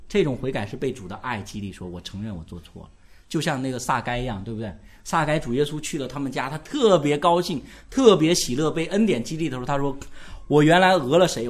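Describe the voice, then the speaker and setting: A male pastor preaching a sermon, throwing questions at the congregation in a lively, animated way. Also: mid-range voice, husky.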